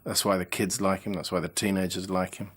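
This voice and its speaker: Brief: reflective interviewee, low-set voice, calm pace. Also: male voice, breathy edge. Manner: thoughtful, measured, slight stumbles. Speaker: commentator.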